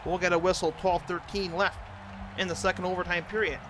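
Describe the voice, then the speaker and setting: A man's voice: high voice, little pitch movement, brisk. A man doing an amateur announcer impression, giving hockey play-by-play commentary in short clipped phrases. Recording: clearly noisy, ambient background noise.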